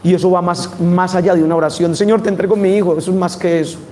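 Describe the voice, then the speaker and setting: A man with a Colombian Spanish accent preaching a sermon, animated and asking his audience questions. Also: high-pitched, quick pace, slight background noise.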